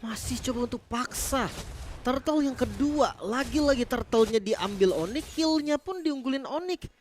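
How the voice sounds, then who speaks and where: An Indonesian-accented man giving live commentary as an esports shoutcaster. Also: very high-pitched, expressive, normal speed, a little hiss or hum.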